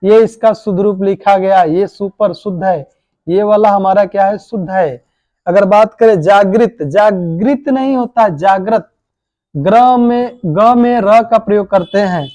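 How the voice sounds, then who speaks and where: Here the teacher speaks at a measured pace in a high, warm voice, with no echo but a lo-fi sound. He coaches students on correct spelling for exams, questioning and then answering himself, and calls them "babu" and "bhai."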